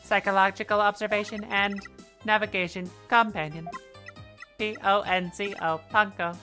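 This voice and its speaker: A woman's voice: medium pitch, steady tone, moderate pace, sharp tone, faint music behind. A woman voicing a polite female robot guide in a video game, speaking in a stiff, robotic, clipped manner. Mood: announcing. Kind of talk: reading game dialogue aloud.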